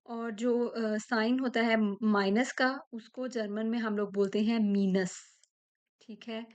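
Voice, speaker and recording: Slow-paced woman teaching German. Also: a little high, fairly even intonation, clear, resonant tone, dull audio. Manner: slow, explains step by step, ends phrases with "ठीक है?". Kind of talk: language lesson explaining textbook.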